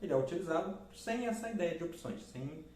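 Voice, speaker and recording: A man teaching English, repeating key words and reading the example sentences slowly. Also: fairly high pitch, expressive, background noise. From Brazil. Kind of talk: explaining English lessons in Portuguese. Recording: roomy echo.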